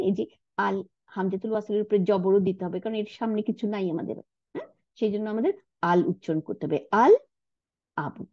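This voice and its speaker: A woman's voice: mid-range voice, mellow, no room sound, lo-fi sound. Patient woman teaching Arabic letters. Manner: patient, explains step by step, checks with "right?". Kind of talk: recorded Quranic Arabic lesson.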